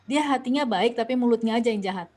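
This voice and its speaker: A woman's voice: a little high, quick pace, a little mellow. Young Indonesian woman leading a Bible study. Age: young adult. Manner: questioning, reads verses aloud, many restarts. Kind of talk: online Bible study discussion.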